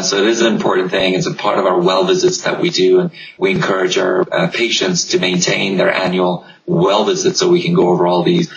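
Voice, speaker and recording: A man's voice: low voice, creaky, fairly bright tone. A man working as a pediatrician, explaining things in an interview with frequent "uh"s. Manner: explanatory, many filler "uh"s. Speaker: pediatrician guest. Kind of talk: interview answers. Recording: echoey, distant mic with noise.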